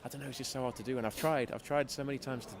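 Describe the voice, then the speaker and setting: A man's voice: medium pitch, steady tone, rapid-fire. A man chatting casually as an interview guest, self-deprecating and full of restarts. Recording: loud street and traffic noise.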